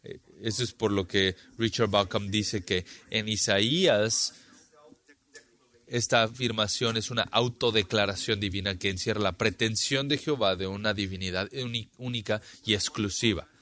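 A man's voice: fairly low pitch, steady tone, normal speed, pushed and bright. A man teaching a Bible class, explaining passages and reading scripture aloud with frequent restarts.

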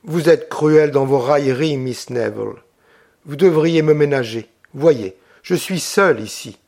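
A man's voice: fairly high pitch, measured pace, gravelly, darkish tone. A man voicing a brooding young Corsican officer. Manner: earnest and brooding. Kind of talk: audiobook character reading.

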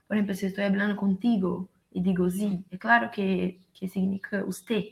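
A woman's voice: medium pitch, flat delivery, vocal fry, rough recording. A woman explaining German grammar in a casual lesson, hesitant and full of fillers. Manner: slow, hesitant, many fillers. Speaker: German teacher.

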